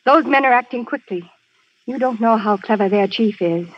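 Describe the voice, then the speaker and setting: A woman's voice: on the high side, moderate pace, lightly acted. An actress playing a frightened, secretive woman spy in a 1930s radio drama, speaking urgently. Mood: tense, secretive. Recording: dull old radio broadcast.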